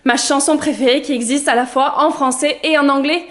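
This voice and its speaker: Lively young female vlogger, slightly high voice, conversational storytelling. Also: brisk. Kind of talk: casual vlog monologue.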